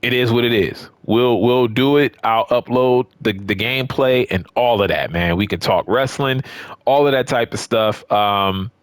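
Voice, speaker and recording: In clean studio sound with a dry recording, a wrestling game and action figure YouTuber talks casually to viewers without a script. He rambles conversationally and repeats phrases for emphasis. His voice sits at medium pitch and moves at a moderate pace.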